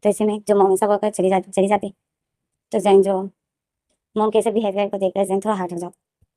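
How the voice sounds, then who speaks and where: A woman narrates her own fan story in a loose, rambling style, often restarting sentences. Her voice is mellow and soft-edged. The recording is dry and close. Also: medium pitch, flat delivery, a little fast, no echo. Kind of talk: casual story explainer narration.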